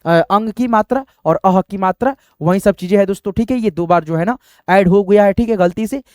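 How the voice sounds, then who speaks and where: A man's voice: high-pitched, a little fast, a little mellow, no room sound, studio quality. A man teaching a spoken lesson, patiently spelling out letters one by one.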